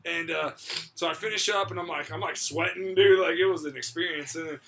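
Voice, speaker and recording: A young man hosting a podcast, telling a long story in a casual, animated way, laughing often and filling his talk with "dude" and "like". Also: a little high, a little fast, gravelly, crowd noise. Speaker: podcast host.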